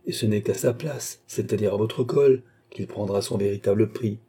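A kindly, good-hearted king speaks in a genial, affectionate way, as a man reads him aloud. The voice is dark and mellow with a husky edge. It is an unhurried storybook reading. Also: fairly low pitch. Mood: cheerful. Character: kindly, good-natured king, warm and cheerful. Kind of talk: audiobook reading.

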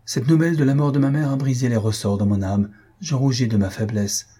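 A man's voice: mid-range voice, fairly even intonation, fairly quick, dark tone, breathy edge, close to an everyday voice. A man playing an earnest, devoted young baron. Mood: tender.

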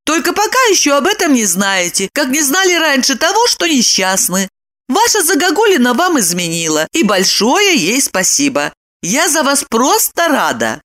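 A sharp-tongued, gloating woman with a shrill, squeaky voice that leaps up on every jab, as a woman narrator puts her on. Her pitch swings widely as she mocks and lectures. It is an audiobook character voice. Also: big pitch swings, a little slow, exaggerated voice. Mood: coaxing. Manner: shrill, mocking, with swooping exclamations.

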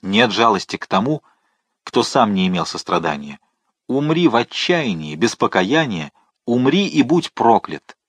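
A man voicing a vengeful man disguised as a monk, speaking slowly, hard and commanding. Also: lowish voice, big pitch swings, breathy edge, dry recording, full character voice. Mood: merciless.

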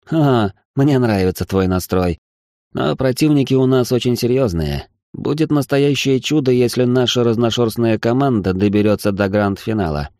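A man's voice: mid-range voice, moderate pace, dark tone, dry recording, studio quality, pitched above the performer's own voice, natural voice. A man voicing a polite male negotiator making a persuasive offer in an audiobook reading. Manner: courteous, persuasive.

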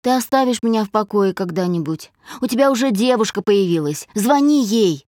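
A woman's voice: medium pitch, lively intonation, normal speed, no echo, studio quality, lightly acted. A woman voicing a fed-up young woman. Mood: irritated. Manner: sharp, exasperated. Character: irritated, hungover young woman.

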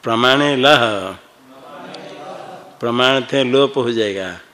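A man teaching Sanskrit grammar in a class, reciting rules slowly and patiently quizzing his students. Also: mid-range voice, fairly bright tone, low-quality recording.

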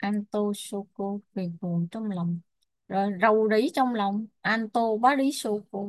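Một người phụ nữ đang giảng bài, đọc chậm từng thuật ngữ, đánh vần rồi giải nghĩa như cho học viên chép. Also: female voice, medium pitch, steady tone, dry recording, studio quality. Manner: spells out Pali terms and glosses them slowly. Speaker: Buddhist Abhidhamma teacher. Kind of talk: slow dictation-style teaching.

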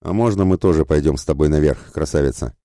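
A man's voice: a bass voice, fast talker, warm tone, dry recording, studio quality. A man voicing a crude, leering bandit of about thirty in an audiobook, mocking and lewd.

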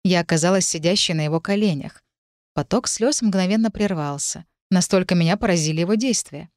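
A woman narrating a first-person novel with expressive, emotional reading. Her voice sits low for a woman, and the recording is dry and close with no room echo. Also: fairly quick. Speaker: audiobook reader.

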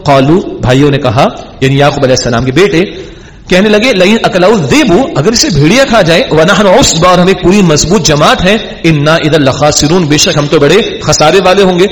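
A male Islamic scholar giving a Ramadan Quran commentary lesson, reciting verses slowly and then explaining them with lively, humorous asides. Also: on the high side. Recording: long reverb of a large hall.

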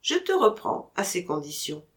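A woman reading a storybook audiobook, voicing a witty gentleman master who teases his servant in mock-stern banter. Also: fairly low pitch, sing-song, normal speed. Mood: teasing.

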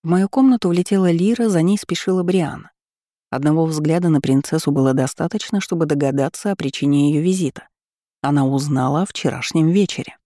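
Woman audiobook narrator, calm and even, mellow tone, dry close sound. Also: sits low, brisk, no room sound. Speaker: audiobook reader. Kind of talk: scripted first-person narration.

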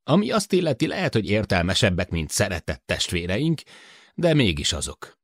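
Scared pleading crewman voiced by a male reader, higher strained voice, dry close sound. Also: big pitch swings, husky, dry recording, heavily acted. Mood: grumbling. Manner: urgent, imploring, sullen when grumbling.

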